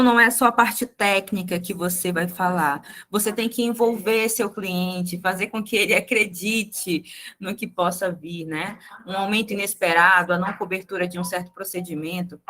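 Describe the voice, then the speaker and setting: A woman's voice: mid-range voice, steady tone, moderate pace, sharp tone, slight background noise. Chatty woman leading a sales training. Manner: chatty, addresses the group directly with frequent tag questions. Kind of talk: live sales training talk.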